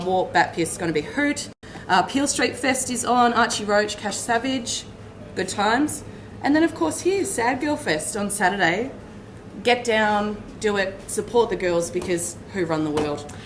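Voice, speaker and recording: A woman's voice: mid-range voice, animated, a little hiss or hum, low-quality recording. An Australian woman co-hosting a live pub chat show, racing through a gig guide until she is out of breath. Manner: rapid, breathless list reading. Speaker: co-host reading the gig guide. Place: pub venue.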